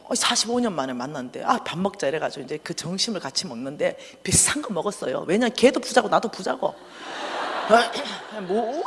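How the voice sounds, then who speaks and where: A woman gives a storytelling sermon with lively, sweeping intonation. She acts out both sides of the conversations with frequent laughter. Her voice carries a long hall reverb. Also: lowish voice. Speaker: church speaker giving a testimony.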